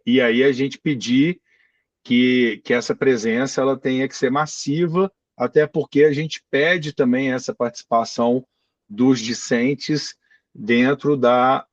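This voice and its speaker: A man's voice: mid-range voice, no room sound. A man, a professor, walks listeners through admissions rules in an online session. His voice comes through dull and distant, the room dry. He keeps checking that everyone follows. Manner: explanatory, often checking in with "tá?". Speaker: professor presenting a graduate admissions process. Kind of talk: online info session, answering questions. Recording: dull distant video-call audio.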